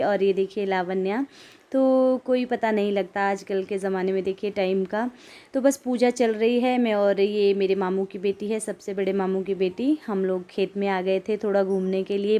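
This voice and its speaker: Himachali woman vlogger, casual and chatty, narrates for viewers, mid-pitched voice. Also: dark tone. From Himachal Pradesh, India. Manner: chatty, talks straight to viewers.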